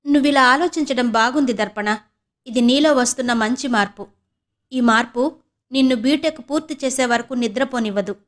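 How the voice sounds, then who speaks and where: A calm, firm middle-aged aunt in an audiobook, as a woman narrator voices her, giving steady, encouraging but strict advice. The voice sits fairly high. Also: normal speed, lightly acted.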